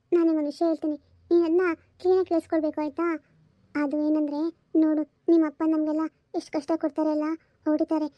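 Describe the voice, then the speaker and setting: A woman voices a weary young mother who coaxes and reassures her child, in a high and level voice. This is a homemade family drama recorded dry and close. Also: dry recording, muffled recording, close to an everyday voice. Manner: soft and coaxing. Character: young mother, burdened, soothing and protective.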